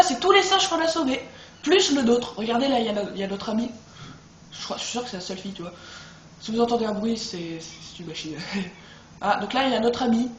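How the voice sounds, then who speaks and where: A young man with a high voice hosts a let's play, chattering excitably to his viewers as he plays a video game. His voice echoes in a large room over a constant background noise.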